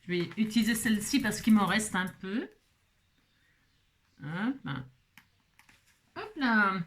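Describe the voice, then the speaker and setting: A woman with a mid-pitched voice walks the viewer through a craft project at her table at home. She talks in a loose, chatty way, stops to check that the viewer is following, and fills the pauses with small fillers while her hands are busy. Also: animated, a bit bright. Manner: thinks aloud with many fillers while working. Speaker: craft tutorial host. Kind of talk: casual step-by-step craft demonstration.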